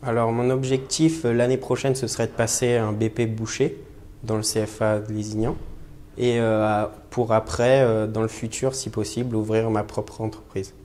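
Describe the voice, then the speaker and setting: An apprentice butcher in his twenties from French Guiana describes his training in an interview portrait, hesitating often and using many fillers. His voice is on the low side, level, darkish in tone and at normal speed.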